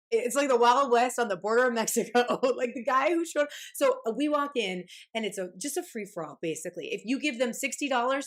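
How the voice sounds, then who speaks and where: A woman in her thirties co-hosting a casual podcast, telling stories with animated energy. Her voice sits a little high, and she swears and laughs easily as she talks. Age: 30s. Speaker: podcast co-host. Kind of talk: casual chat.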